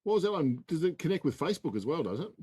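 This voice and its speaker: Mellow guy on a video call, short easy comments, dry close sound. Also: a little high, very animated, very fast, slightly rough, dry recording. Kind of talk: casual chat on a video call.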